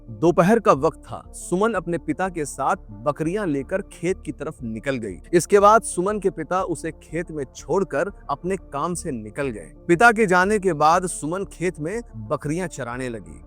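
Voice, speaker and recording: A man narrating a true crime story in a grave, measured, scripted storytelling manner. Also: a little high. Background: faint background music.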